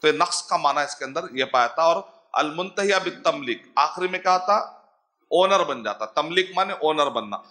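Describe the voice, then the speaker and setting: A man in his forties with a Hyderabadi Urdu accent teaches as an Islamic scholar. His voice is bright and forceful and sits a little high. He slows down to spell out Arabic terms and mixes in English words as he explains them. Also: expressive. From Hyderabad, India. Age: 40s. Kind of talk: religious lecture.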